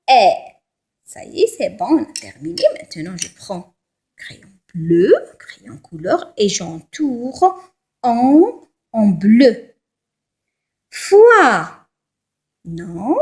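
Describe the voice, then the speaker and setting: Woman, young teacher for small children, very slow, spells it all out, lively rising and falling voice. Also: mid-range voice. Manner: slow, spells out syllables and letters. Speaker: French teacher. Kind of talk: slow primary-school French lesson.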